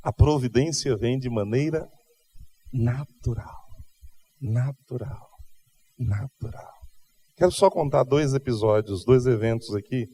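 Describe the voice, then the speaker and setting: A man preaching a sermon in church, asking the congregation questions and telling a personal story, his delivery swinging from loud calls to quiet moments. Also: medium pitch, normal speed, few pauses. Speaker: pastor. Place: church service.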